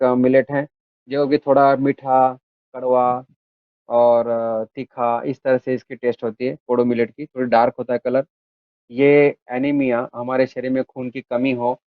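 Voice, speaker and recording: A man gives a methodical health talk, working through lists with frequent pauses and fillers. His voice sits at a middle pitch. The sound is dry and narrow, like a phone line. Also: no echo. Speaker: health educator. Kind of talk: health talk explaining millets.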